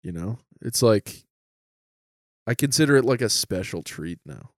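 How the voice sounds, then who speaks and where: Animated man telling a story. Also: on the low side, a little slow, no room sound. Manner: animated, lots of "like", laughs often. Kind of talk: casual storytelling chat.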